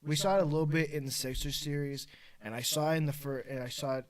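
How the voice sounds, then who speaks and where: A young man hosting a casual sports chat, animated and full of quick restarts. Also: a little high. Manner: animated, quick back-and-forth with repeated restarts. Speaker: podcast host.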